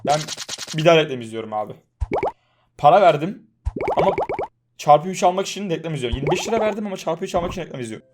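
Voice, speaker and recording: A man's voice: fairly high pitch, expressive, rapid-fire, pauses often, noisy background. A young man giving casual, chatty commentary on a mobile game, joking, swearing for fun and soothing the characters. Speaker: gaming YouTuber.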